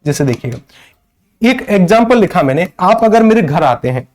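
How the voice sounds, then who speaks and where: Male teacher from northern India, high voice, live online class, repeats points and answers his own questions. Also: very animated, normal speed. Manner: greets and answers viewers by name. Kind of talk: live online grammar lecture.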